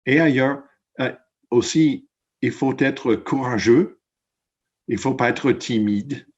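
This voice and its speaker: A man on a panel giving advice in halting, simply built phrases. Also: medium pitch, dull audio.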